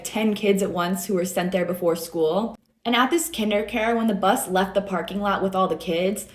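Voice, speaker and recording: A young woman from the United States telling a school story in a chatty, wry way. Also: medium pitch. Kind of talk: casual storytime. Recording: roomy echo.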